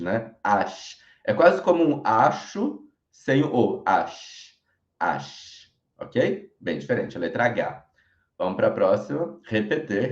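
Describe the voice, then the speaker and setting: A Brazilian man teaching French in an online lesson, speaking clearly and modelling each sound slowly so learners can repeat it. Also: mid-range voice, darkish tone. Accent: Brazilian Portuguese. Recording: roomy, dull lo-fi recording.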